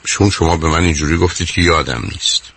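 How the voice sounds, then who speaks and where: A man's voice: sits low, steady tone, a bit bright, husky. A man hosting a radio call-in as a psychologist, interrupting insistently and repeating "my dear" and "wait".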